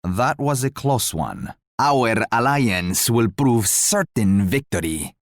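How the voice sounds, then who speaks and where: An actor playing a pompous, genteel royal commander in a strategy video game, speaking formally and theatrically. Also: male voice, medium pitch, sing-song, slow, dry recording, studio quality. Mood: confident, pompous. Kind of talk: scripted strategy game voice lines.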